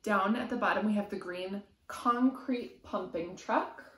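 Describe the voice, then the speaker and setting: A thirtysomething preschool teacher reads expressively to small children in a mid-range, fairly bright voice, taking her time. She has a rhythmic, sing-song manner and punches the sound words. The clip comes from a camera a few feet away in a small indoor room at home, with noticeable room echo.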